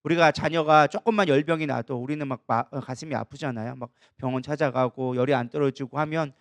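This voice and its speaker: Fast-talking male preacher, dry sound. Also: medium pitch, dry recording. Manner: lively preaching with rhetorical questions. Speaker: pastor. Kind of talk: sermon.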